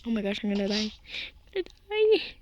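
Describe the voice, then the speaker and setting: A young-sounding gamer with a high, childlike voice strained from yelling, giving excited horror game commentary that swings between hushed muttering and screaming. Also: quick pace, no room sound, muffled recording. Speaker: gamer narrating own play.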